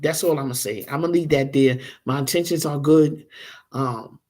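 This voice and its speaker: A woman's voice: deep voice, moderate pace, a little mellow. A woman in her forties, a tarot reader chatting casually and rambling to her livestream viewers. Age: 40s.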